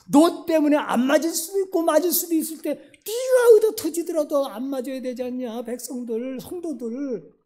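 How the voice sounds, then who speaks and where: A preacher giving voice to God as a stern, fatherly figure, pressing a reluctant prophet with one rebuking question after another. The tone is warm and dark in colour but insistent. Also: very high-pitched, full character voice.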